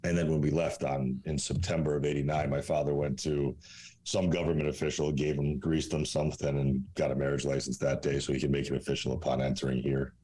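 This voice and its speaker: A Russian man in his forties, native speaker of Russian, guests on a podcast as a fitness coach and speaks with blunt, profane candor and rambling fillers. His voice is extremely low and mellow, fairly quick, with little pitch movement.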